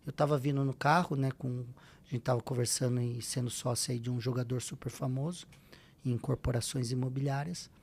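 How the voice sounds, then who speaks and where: A man's voice: mid-range voice, fairly even intonation, a little fast, a little mellow, a little hiss or hum. A Brazilian man with a slight tongue-tie giving emphatic motivational advice as a podcast guest, often asking rhetorical questions. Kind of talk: motivational advice in a casual interview.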